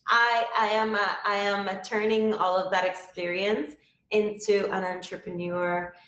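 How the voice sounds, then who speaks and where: A woman's voice: medium pitch, little pitch movement, normal speed, fairly bright tone, roomy sound, muffled recording. A woman from Cuba hosting a live-stream talk show, chatty and upbeat, often checking in with viewers. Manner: chatty, upbeat, keeps saying okay to viewers. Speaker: livestream show host.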